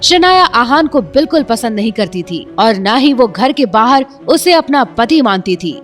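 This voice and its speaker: A woman with a voice on the high side narrates a serialized audio drama in a dramatic storytelling style. She is very animated and keeps a moderate pace, with faint music playing beneath her.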